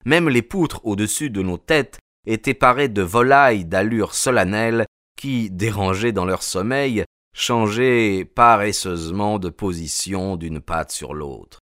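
Man, audiobook narration, low voice, dry close sound, first-person. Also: fairly bright tone, no echo. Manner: measured first-person storytelling. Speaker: audiobook reader. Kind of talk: storybook narration.

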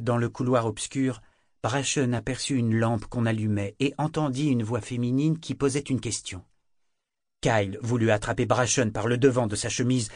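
A man narrating a novel in a measured, dramatic storytelling manner. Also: mid-range voice, a little mellow, no room sound, studio quality. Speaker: audiobook narrator. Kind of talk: scripted narration.

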